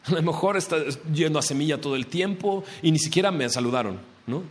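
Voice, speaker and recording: A male pastor preaching a sermon, asking rhetorical questions and slowing down to stress scripture. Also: a little high. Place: church.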